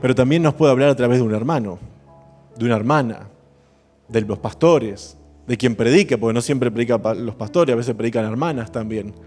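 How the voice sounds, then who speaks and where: A man's voice: medium pitch, fairly quick, a little mellow, soft background music. A male preacher delivers a sermon at an evangelical service, his mid-range voice growing emphatic and impassioned as he presses his points. The sound carries a long, echoing church reverb, with an instrument playing faintly underneath. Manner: emphatic, builds to impassioned exhortation.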